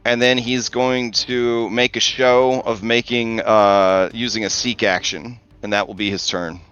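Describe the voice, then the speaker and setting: A man's voice: medium pitch, flat delivery, measured pace, fairly bright tone, clear, resonant tone, dull audio. A man working as game master, narrating a tabletop game in a casual, conversational way.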